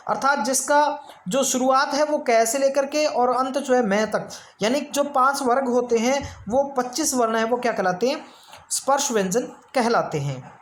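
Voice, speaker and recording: A woman teaching an exam-prep grammar lesson, explaining step by step and asking and answering her own questions. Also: high voice. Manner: draws out vowel sounds slowly to demonstrate; frequent check-ins of "theek hai".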